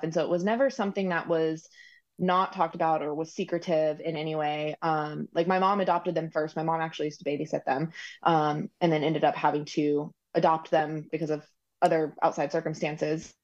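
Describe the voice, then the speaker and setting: Low-pitched and darkish, her voice holds a steady tone at a fairly quick pace over lo-fi sound. She is a recipient parent guesting on a conversational podcast interview, wandering through her answers with plenty of ums and likes.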